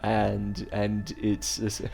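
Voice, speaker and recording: Slow, wry man running a tabletop game. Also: lowish voice, monotone, gravelly, darkish tone, soft background music. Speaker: dungeon master.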